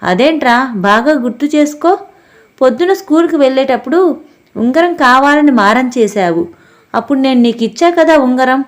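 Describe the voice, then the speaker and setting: A woman's voice: sits high, expressive, moderate pace, voice pushed up. A woman voicing a young aunt who scolds a child with pressing questions, in a storybook reading. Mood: scolding. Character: young aunt, stern but uneasy.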